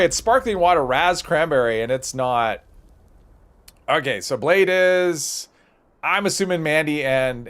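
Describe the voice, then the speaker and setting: A man's voice: a little high, fairly bright tone. A man hosting a livestream, casually thinking aloud as he plays and rambling off into conversational asides. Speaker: livestream host.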